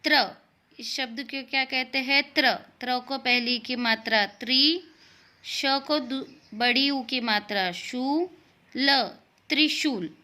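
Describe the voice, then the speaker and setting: Slow, bright-voiced woman teacher. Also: sits high. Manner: slow, patient, spells out syllables and glosses words in English. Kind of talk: first-grade Hindi lesson.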